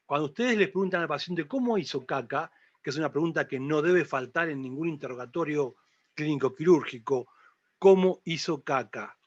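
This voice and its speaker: Argentine male lecturer, slightly high-pitched, playful asides and rhetorical questions, muffled recording. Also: a little fast. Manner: joking asides, rhetorical questions, repeats key terms. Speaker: surgery lecturer.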